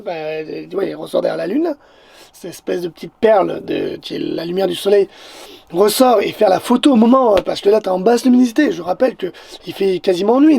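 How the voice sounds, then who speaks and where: A man with a Québécois accent, a photographer talking casually to the viewer in an excitable vlog, often stammering and repeating words. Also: high voice, gravelly. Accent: Québécois French. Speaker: photographer and vlogger.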